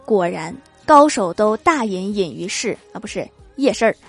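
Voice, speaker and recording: A young woman host reading funny anecdotes as comic narration, with lively storytelling that acts out the quoted lines. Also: mid-range voice, normal speed, creaky. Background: background music.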